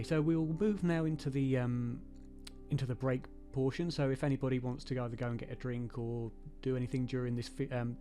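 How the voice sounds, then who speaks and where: A man's voice: medium pitch, dark tone. A man hosting an online research forum, polite and slightly self-deprecating. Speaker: host.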